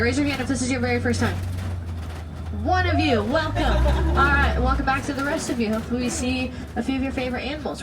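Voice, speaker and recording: A woman giving live safari tour commentary as guide and driver, chatty and playful with small jokes. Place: open safari truck outdoors. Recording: very noisy moving vehicle, distant mic. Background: vehicle rumble, outdoor ambience.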